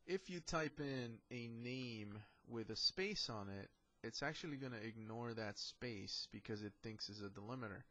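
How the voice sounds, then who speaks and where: A man's voice: medium pitch, normal speed, hardly any pauses, sharp tone. A man giving a casual programming lecture, joking now and then and talking through code as he writes it. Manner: casual, joking, talks while writing code. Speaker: programming instructor. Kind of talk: classroom lecture.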